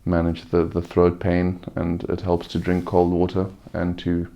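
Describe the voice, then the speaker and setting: A man gives an unscripted vlog-style update while weary from surgery. His voice is deep and very creaky, with an almost completely flat melody. He talks in a subdued, halting way, nursing a sore throat. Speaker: vlogger giving a recovery update. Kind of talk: casual personal update, unscripted.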